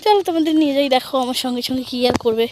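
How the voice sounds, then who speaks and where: A hoarse woman vlogging outdoors in farm fields, chatting playfully to viewers with teasing mock complaints. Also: sits high, rapid-fire, background noise. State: hoarse from a cold. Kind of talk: casual vlog chat to viewers.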